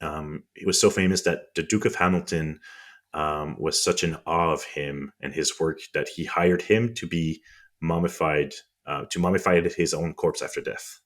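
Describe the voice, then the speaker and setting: A man with a French accent explains history on a podcast in a relaxed, conversational way. His voice sits extremely low, and he drops wry, indignant remarks as he goes. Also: normal speed. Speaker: podcast co-host.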